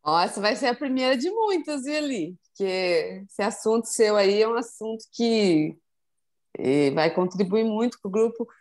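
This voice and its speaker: A woman leading a group conversation, thanking a participant in a relaxed, friendly way. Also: mid-range voice, moderate pace. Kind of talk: casual group chat.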